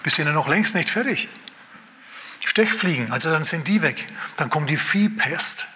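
A man preaching a sermon as pastor, telling a story with lively gestures in his voice and acting out quoted lines. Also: on the high side, normal speed, big-room sound.

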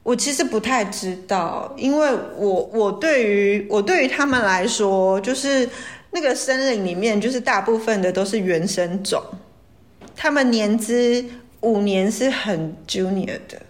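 A woman's voice: medium pitch, unhurried. A woman with a Taiwanese Mandarin accent speaking as a guest in a casual conversation about work. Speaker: guest talking about her job. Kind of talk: casual chat.

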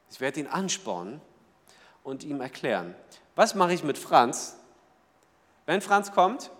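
A man preaching a sermon in a lively way, asking the audience questions and acting out small everyday scenes. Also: a little high, long reverb tail. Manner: lively, asks the audience rhetorical questions, acts out little scenes. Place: church hall.

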